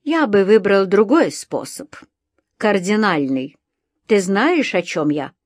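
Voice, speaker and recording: A woman's voice: medium pitch, very animated, slow, a little mellow, no echo, studio quality. A woman voicing a scheming male associate. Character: scheming male business associate, laughs easily.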